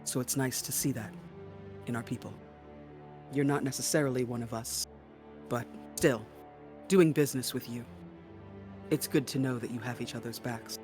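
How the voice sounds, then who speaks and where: A man playing a guarded, commanding hooded contact in a tabletop game, speaking in formal, measured orders. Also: medium pitch, fairly even intonation, a little mellow, faint music behind, close to an everyday voice. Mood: stern, businesslike. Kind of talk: tabletop role-play.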